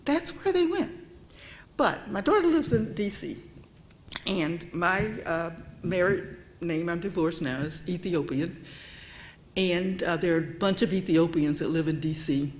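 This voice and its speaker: In a church meeting room, a woman invited to a church event delivers a conversational public talk on history. Her voice sits on the low side, with lively intonation and a measured pace, and a slight hiss or hum is audible. She checks in with listeners by asking "okay?" and almost whispers to underline a point.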